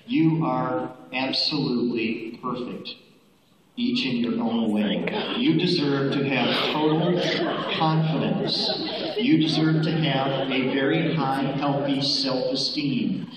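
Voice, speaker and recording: A man working as a stage hypnotist, giving slow, repetitive suggestions to volunteers in a school gym, sometimes shouting playful lines for them to repeat. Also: mid-range voice. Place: school gym with a live audience. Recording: distant echoey gym recording, muffled, with a loud crowd.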